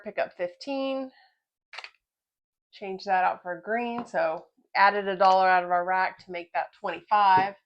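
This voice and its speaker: With a cold leaving her voice a little off, a woman hosting a craps channel calls each dice roll in casual play-by-play while explaining and testing a betting strategy. Her voice is medium in pitch, and the audio sounds dull.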